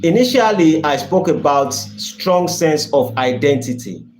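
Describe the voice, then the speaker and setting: A man's voice: on the high side, animated, measured pace, slight background noise. A man with a Nigerian accent talking earnestly on a livestream, repeating phrases to press his points. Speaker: channel host. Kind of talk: livestream talk reading viewer donations. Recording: roomy echo.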